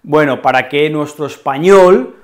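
Expressive Spanish teacher man. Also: a little high, unhurried. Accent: Spain. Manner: expressive, frequent "¿vale?" and "¿eh?" checks. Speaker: Spanish teacher, channel host. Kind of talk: language lesson to camera.

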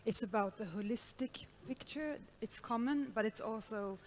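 A woman's voice: a little high, normal speed, a little mellow, a little hiss or hum. Middle-aged woman pondering on a panel. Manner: reflective, with frequent hesitations. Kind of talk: panel discussion. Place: large stage. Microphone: headset.

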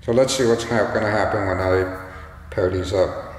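A man giving a casual, unscripted do-it-yourself demonstration in a halting, tentative way, with a strong canyon-like echo in a bare room. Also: fairly low pitch, steady tone. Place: bare, echoey indoor room. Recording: strong echo, hollow reverberant room, faint noise.

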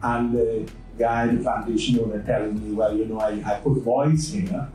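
A man on a panel calmly explaining how things were done. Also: lowish voice, normal speed, faint music behind. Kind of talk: anecdotal storytelling. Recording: echoey hall, distant mic.

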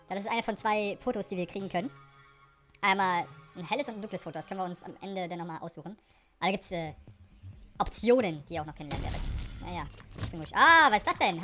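In this let's play, a woman who runs a gaming YouTube channel reacts excitably, shrieking at threats before sinking to low mutters. English phrases pop up throughout her commentary.

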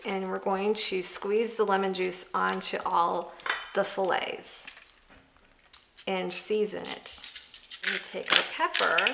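In a home kitchen with music playing, an American woman in her thirties demonstrates a recipe as a cooking show host, chatting through each step. Her voice is medium in pitch with vocal fry, and the background is noisy.

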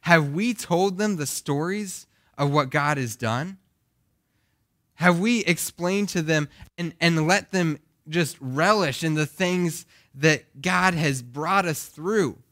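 A young male pastor preaching in an earnest, questioning way, his voice groggy. The tone is bright and forceful, and the sound is close and dry. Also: fairly high pitch, slow pace, dry recording. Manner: earnest, asks the congregation questions. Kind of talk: sermon.

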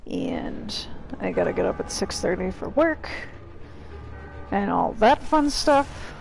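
Woman streamer, slow gravelly delivery, swears at the game and talks to chat. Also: mid-range voice, huge pitch swings, darkish tone, a little hiss or hum. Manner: chats to viewers. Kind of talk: live gameplay commentary.

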